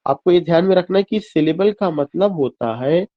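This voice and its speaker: This online teacher, a man with a slightly high voice, talks expressively at a moderate pace. Blending Hindi and English, he spells out terms letter by letter and asks the class questions only to answer them himself. The web-class audio sounds dull and lo-fi.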